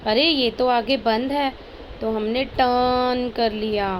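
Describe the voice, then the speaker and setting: A young woman teaches little children online, stretching each word out very slowly so they can follow along. Her voice sits high, and a faint noise hums behind her. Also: fairly even intonation, rough recording. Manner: slow, drawn-out reading aloud of words for children to repeat. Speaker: primary school teacher.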